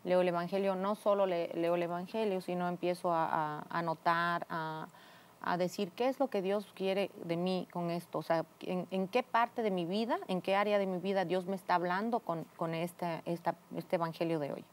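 A woman guest telling a personal faith testimony, acting out the voices in her story with sudden high jumps. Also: steady tone, normal speed. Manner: acts out quoted dialogue with big pitch jumps. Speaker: interview guest.

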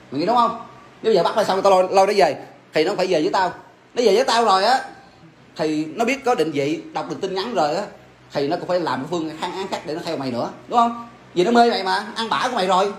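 A man playing a wounded husband who confronts his wife in a rapid, insistent way. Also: high-pitched, close to an everyday voice. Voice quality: rapid, insistent, keeps demanding agreement. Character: wounded, scornful husband, middle-aged man. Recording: echoey room with faint ambience.

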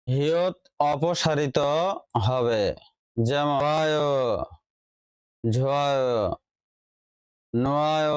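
Male teacher, scripted lesson narration, measured and deliberate, slightly higher voice, dry close recording. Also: clear, resonant tone, dry recording, low-quality recording. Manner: slow, measured dictation of rules and examples. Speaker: language teacher.

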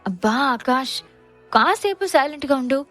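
A woman's voice: on the high side, lively intonation, moderate pace, soft background music, close to an everyday voice. A woman voicing a bubbly, innocent young wife in an audio story, speaking in an impatient, chiding way.

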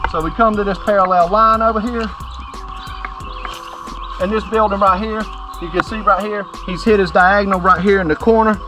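High-voiced middle-aged man teaching outdoors. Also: fairly even intonation, normal speed, long pauses, over music. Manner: plain-spoken, explains step by step, addresses viewers directly. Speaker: company presenter. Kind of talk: outdoor how-to demonstration. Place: outdoors by a driveway on a sunny rural property.

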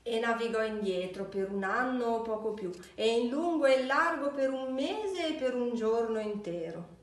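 A woman reading a children's picture book aloud for a library, with slow, deliberate storytelling. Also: a little high, expressive. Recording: echoey room, distant mic.

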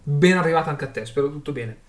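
A man reading a fantasy novel aloud on a livestream and greeting his chat, with expressive pacing and dramatic pauses. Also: on the high side.

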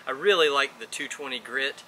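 A man in his thirties hosting a casual how-to vlog outdoors in a backyard, chatty and relaxed, with filler words, picked up by a camera mic at some distance. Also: medium pitch, brisk, heavy background noise. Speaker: outdoor channel host.

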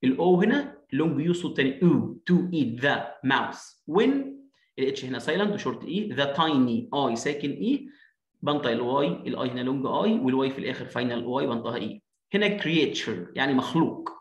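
A man with an Egyptian Arabic accent teaching an English reading lesson, sounding words out slowly letter by letter, with quick explanations in Arabic. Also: medium pitch, lively intonation, echoey room, highs cut off.

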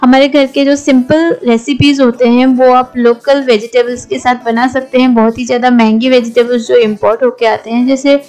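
A woman's voice: fairly high pitch, flat delivery, brisk, hardly any pauses. A middle-aged woman from India giving friendly kitchen tips in a voice-over, mixing English words into her Hindi. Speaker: home cooking channel host. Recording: soft music bed behind voice-over.

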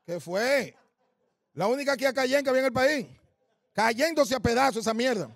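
Dominican male comic, high gravelly voice, punchy crude storytelling, dry close sound. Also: animated, moderate pace, fairly bright tone, no room sound. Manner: punchy storytelling with coarse slang, quizzing the audience. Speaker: stand-up comedian. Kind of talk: stand-up comedy. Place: live comedy stage.

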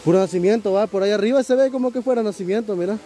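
Talking very fast in a warm, high-sitting voice, a Salvadoran-accented man hosts a casual travel vlog. He's at an outdoor riverside restaurant, chatty and enthusiastic, with frequent laughter.

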